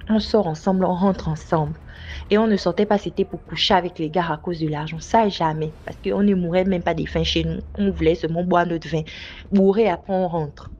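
A woman's voice: a little fast, a little hiss or hum. A young woman casually recounting a personal night-out story, animating the voices she quotes. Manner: lively, acts out quoted voices with big pitch jumps. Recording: slightly dull lo-fi sound.

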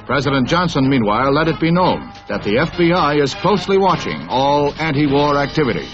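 A man reads an old newsreel in a brisk announcer's style, slipping in wry, punning asides. His voice sits a little high for a man. The sound is dull and lo-fi like vintage film audio, with music playing clearly beneath him. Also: sing-song. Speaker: newsreel narrator. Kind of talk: 1960s newsreel narration.

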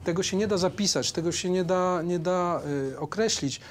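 In a rehearsal room, a man with a high voice coaches a string ensemble at a normal pace, hesitating as he goes and singing rhythms and counting beats out loud. The recording is very noisy.

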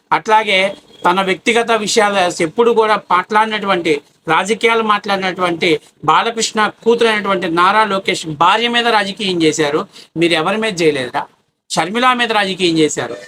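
A man delivering an angry, abusive political rant, taunting his target with rapid rhetorical questions. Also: high-pitched, sharp tone, slight background noise. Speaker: political commentator.

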